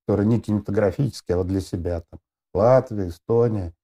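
A middle-aged film director, appearing as a guest, has a low, dark, mellow voice and talks fast. In this casual discussion he rambles, working out his thoughts through fillers, half-words and restarts.

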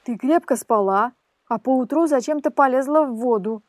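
A woman's voice: high-pitched, moderate pace, no echo, natural voice. Woman reading a teasing old fisherman. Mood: scolding, teasing. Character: good-natured mocking old fisherman.

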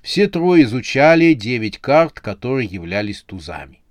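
A man narrating a comic horror novel in a lively storytelling way. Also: mid-range voice, normal speed, no echo, studio quality.

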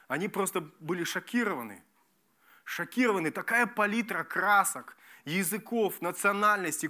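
A man preaching a sermon as pastor, emphatic and lively, repeating key phrases and restarting words. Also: high-pitched. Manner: lively, emphatic preaching with repetitions and self-corrections.

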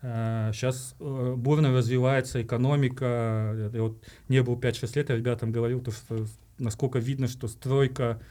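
Speaking at a normal pace in a warm, steady, mid-range voice, an Uzbek marketing director explains his opinions at length during a relaxed podcast interview. He frequently addresses his audience as "guys."

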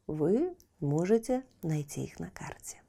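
Slow, mellow woman telling a bedtime story. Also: on the low side, big pitch swings, gravelly. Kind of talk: scripted children's bedtime story narration.

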